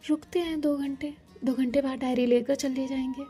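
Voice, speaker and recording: A reserved young woman with a dry wit who keeps her replies short, as a woman narrator plays her. The voice is high-pitched with a warm, soft tone. Faint music plays under this storybook reading. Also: fairly even intonation, moderate pace, natural voice.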